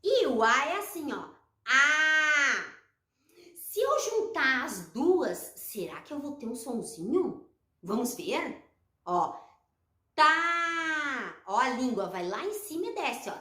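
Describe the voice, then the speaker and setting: A Brazilian woman teaching children letter sounds, slow and encouraging, drawing out each syllable. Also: fairly high pitch, sing-song, a bit bright, roomy sound. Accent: Brazilian Portuguese. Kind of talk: children's phonics lesson.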